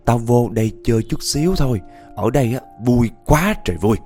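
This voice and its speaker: A man's voice: medium pitch, expressive, fairly quick, darkish tone, faint music behind, natural voice. A man voicing a mocking male drunkard ghost who possesses a man, speaking with a taunting, defiant swagger.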